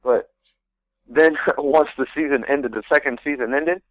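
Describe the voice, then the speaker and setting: A man's voice: on the high side, a little slow, no room sound, lo-fi sound. A young man, a guest on a radio talk show, telling his story in an earnest, rambling way, often restarting his sentences. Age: young adult. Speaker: guest, pro soccer rookie. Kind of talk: casual interview storytelling.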